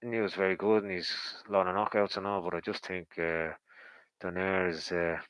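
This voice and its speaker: A man's voice: deep voice, flat delivery, moderate pace, a bit bright, smooth, dry recording. A man giving casual, rambling boxing commentary in a conversational, speculative way, as if thinking aloud.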